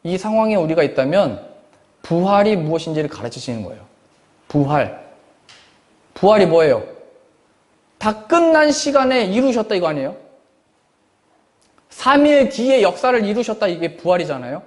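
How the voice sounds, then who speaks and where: A man's voice: high voice, normal speed, long pauses, long reverb tail. A male pastor delivering a Sunday sermon, reading scripture aloud and pressing his points with rhetorical questions. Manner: expressive preaching with rhetorical questions. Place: church service.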